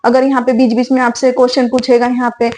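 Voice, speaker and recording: A woman's voice: a little high, flat delivery, fast, mellow. A woman teaching a lesson for young children, asking a question and answering it herself, again and again. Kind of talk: tutorial for young learners.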